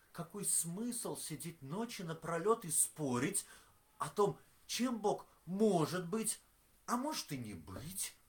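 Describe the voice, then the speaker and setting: A woman voicing a pompous male philosopher, speaking for a union of thinkers with declamatory indignation. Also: fairly low pitch. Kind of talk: audio drama acting.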